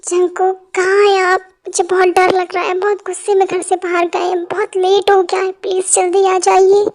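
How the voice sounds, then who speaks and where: A woman's voice: very high-pitched, flat delivery, normal speed, a little mellow, faint music behind. A woman dubbing a frightened young wife who pleads for her husband to come home. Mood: anxious. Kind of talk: fan dubbing.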